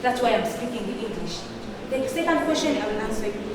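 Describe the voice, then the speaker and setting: A teenage girl from Tanzania speaks fast in a slightly high voice with lively intonation, making an earnest, argumentative debate speech loaded with rhetorical questions. The Swahili-speaking student debater is captured from a distance in an echoey hall, and a crowd can be heard behind her.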